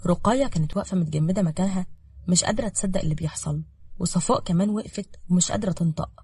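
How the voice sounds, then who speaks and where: A woman's voice: on the low side, racing, mellow, husky, dry recording. A woman with an Egyptian Arabic accent narrating a dramatic village story and voicing its characters. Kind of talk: scripted narration with acted dialogue.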